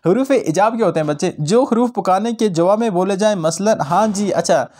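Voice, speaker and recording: With a high-sitting, darkish voice and a slightly quick delivery, a man runs a grammar class. He mixes English words into his Hindi-Urdu explanations and acts out short example phrases and exclamations.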